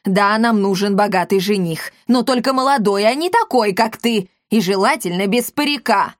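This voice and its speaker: A woman's voice: mid-range voice, lively intonation, normal speed, no room sound, studio quality, lightly acted. A woman reading aloud, voicing a grumpy, stubborn middle-aged male shopkeeper who talks in a blunt, grumbling way.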